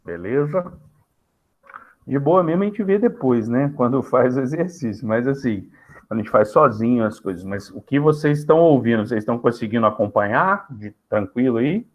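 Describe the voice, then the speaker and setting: A man's voice: mid-range voice, expressive, normal speed. A man with a Brazilian Portuguese accent teaching a live grammar class in a casual way, often checking in with students.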